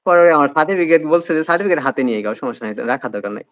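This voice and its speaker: A man's voice: a little high, expressive, very fast, fairly bright tone, dry recording. A young man telling the story of his admission test in a casual interview, with a Bangladeshi Bengali accent and many hesitant fillers. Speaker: admission candidate, guest.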